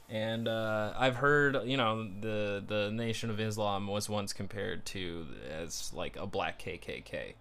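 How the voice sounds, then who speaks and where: A man giving rambling, sardonic solo commentary in a casual self-described monotone, with frequent fillers and restarts. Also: lowish voice. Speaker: commentary streamer.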